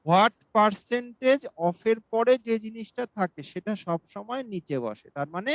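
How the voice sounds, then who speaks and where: A male mathematics teacher giving an exam-prep lesson, explaining each step slowly and reading questions aloud. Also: high-pitched, fairly bright tone, no echo, rough recording. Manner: asks students for doubts.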